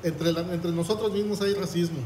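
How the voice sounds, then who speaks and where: A man's voice: sits high, steady tone, brisk, darkish tone, echoey room, a little hiss or hum, rough recording. A man preaching a sermon, reading scripture aloud and asking the congregation questions. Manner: reads scripture aloud, asks the congregation "¿qué?".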